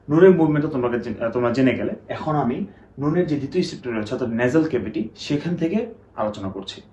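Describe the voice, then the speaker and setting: A man's voice: on the high side, warm tone. A man teaching Quran pronunciation in a step-by-step online lesson with a Bangladeshi Bengali accent, often checking that students follow and stretching out nasal sounds to demonstrate. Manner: drawn-out nasal demonstration syllables. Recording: dull roomy recording, faint hiss.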